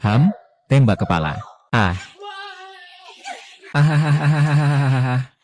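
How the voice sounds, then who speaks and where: Low, mellow male dub voice. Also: lively intonation, normal speed. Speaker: dub voice reading all parts. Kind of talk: flat dubbed drama dialogue.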